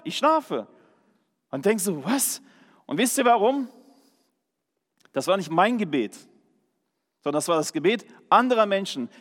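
A man with a high voice delivers an earnest, emphatic sermon built around a personal testimony. He keeps drawing in his listeners with short questions as he goes. His voice carries a long, ringing reverb from a church hall. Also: a bit bright. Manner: checks in with listeners with a frequent "Ja?". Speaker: preacher.

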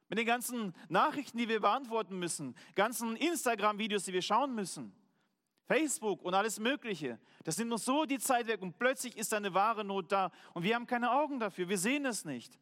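A German man preaching a sermon as pastor, earnest, slowing down to stress key words. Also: sits high, lively intonation, fairly bright tone, long reverb tail.

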